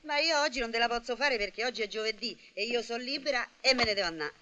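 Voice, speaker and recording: An actress playing a blunt, sassy housemaid in a film comedy. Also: female voice, on the high side, fast talker, muffled recording, background noise, close to an everyday voice. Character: blunt, stubborn housemaid, woman. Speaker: maid. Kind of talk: 1980 film comedy acting.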